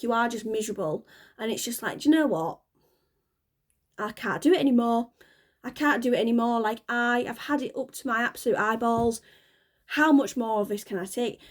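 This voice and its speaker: A woman's voice: fairly high pitch, darkish tone. A woman giving a casual, rambling tarot reading, chatty and prone to giggles. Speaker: tarot reader.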